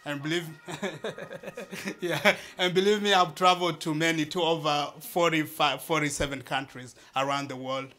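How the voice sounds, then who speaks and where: Bright-voiced man addressing an audience. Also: on the high side, fairly even intonation. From Eastern Democratic Republic of Congo. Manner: earnest, laughs often, halting with fillers and restarts. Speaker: founder of a charity speaking at an event. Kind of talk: speech to a live audience.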